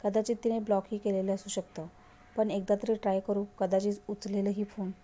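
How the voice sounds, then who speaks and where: A woman narrates a story in a measured, even reading voice. Her tone is mellow and warm rather than bright, at a middle pitch, and she reads at a steady, unhurried pace. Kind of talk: read-aloud story narration.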